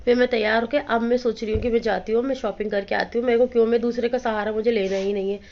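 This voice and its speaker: A woman in her thirties with a hoarse voice, chatting casually to viewers in a home vlog. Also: fairly high pitch, steady tone, quick pace. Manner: chatty, addresses viewers directly. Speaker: vlogger. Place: at home, indoors. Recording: slightly dull lo-fi phone audio with faint noise.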